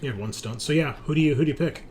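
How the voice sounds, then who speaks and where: A game master runs a tabletop roleplaying game, shifting between conversational rulings and improvised scene narration. His fairly high, slightly mellow voice comes out rapid-fire, and background noise is clearly audible.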